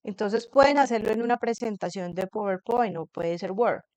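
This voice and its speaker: A woman teacher explaining a class assignment to her students in a patient way, reading English example sentences slowly and carefully. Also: mid-range voice, a little mellow, no room sound, poor audio. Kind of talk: recorded online class explanation. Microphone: computer screen recording.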